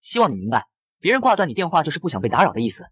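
A man's voice: a little high, wildly swooping pitch, racing, a bit bright, husky, no echo, clean studio sound, heavily acted. A man voicing a proud, stubborn young male celebrity who speaks curtly and sarcastically. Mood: cold. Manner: cool, sarcastic, curt.

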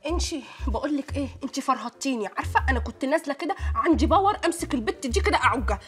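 Brief: a loud scolding Egyptian woman, rapid-fire, shrill. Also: expressive, soft background music. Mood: defensive. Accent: Egyptian Arabic. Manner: rants quickly, exaggerated and mocking. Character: hot-tempered loud woman, fierce and scolding. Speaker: harsh employer of a young maid.

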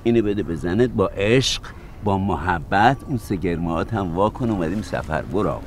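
A man's voice: low voice, animated. An actor playing a flustered, irritable man lost in a strange house, pleading on the phone. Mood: teasing. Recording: film audio with faint rain noise. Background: rain and thunder.

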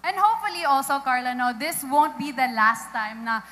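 A woman's voice: high-pitched, expressive, fairly quick, bright, forceful tone. A young woman with a Filipino accent, hosting a live pageant on a handheld microphone. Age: young adult. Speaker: pageant host. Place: large gym, live event.

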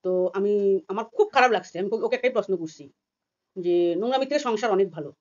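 A woman from India ranting fast and agitatedly in a personal vlog, often acting out other people's words. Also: mid-range voice, animated, darkish tone, dull audio. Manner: rapid and agitated, acting out quoted voices. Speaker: vlogger. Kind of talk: heated personal vlog rant.

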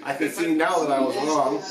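A man in his forties talking casually and haltingly to a camera across a desk, as host of a spirit session. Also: on the high side. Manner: halting, many pauses. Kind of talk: casual vlog talk, addressing spirits. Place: small home room with guitars. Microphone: camera a few feet away across a desk. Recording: echoey room, distant mic, loud background chatter.

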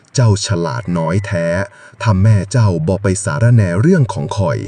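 An actor playing a sinister older village uncle with an Isan Thai accent, slow and menacing behind a show of kindness. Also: male voice, fairly low pitch, very animated, mellow, distant mic. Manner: slow, menacing, falsely kind.

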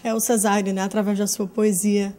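Young woman interviewer, soft dark tone. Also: medium pitch, little pitch movement, moderate pace. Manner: polite, adds tag questions. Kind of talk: interview questions. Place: living room, indoors. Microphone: handheld mic.

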